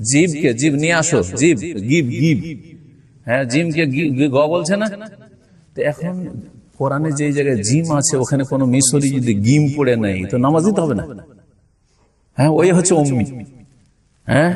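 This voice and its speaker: Distant, high-voiced Bangladeshi preacher. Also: male voice. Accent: Bangladeshi Bengali. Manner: explains by asking rhetorical questions and drawling out sounds; mixes recited Arabic with Bengali explanation. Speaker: Islamic preacher. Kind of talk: Islamic sermon lesson.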